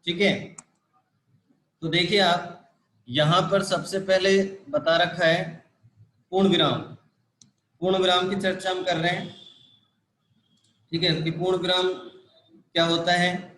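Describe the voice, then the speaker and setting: A man's voice: sits high, level tone, takes it slowly, pauses often, a bit bright. Man teaching a lesson in an echoey room. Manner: repetitive, patient explaining with frequent "ठीक है" and "देखो". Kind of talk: live online grammar lesson.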